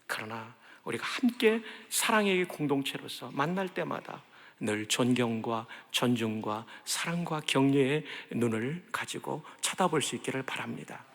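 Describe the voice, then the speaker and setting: A man preaching a sermon as a pastor, leading the congregation in call-and-response and swinging between loud exhortation and soft asides. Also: mid-range voice, lively intonation, a little slow, vocal fry. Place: large church sanctuary. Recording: long hall reverb of a large church.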